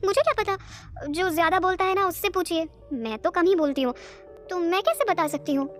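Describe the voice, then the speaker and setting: A woman's voice: extremely high pitch, animated, brisk, a bit bright, soft background music, pitched above the performer's own voice. Woman playing a chatty bubbly young woman. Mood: chatty, breezy. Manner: nonstop talker, innocent and breezy.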